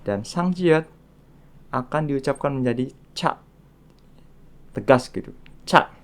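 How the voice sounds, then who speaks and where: Male tutor, unhurried drill-style delivery, mid-pitched voice, patient and deliberate. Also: animated, a little mellow. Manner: slow and deliberate, repeating each sound in drills. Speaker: Korean language teacher. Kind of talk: slow, patient lesson narration.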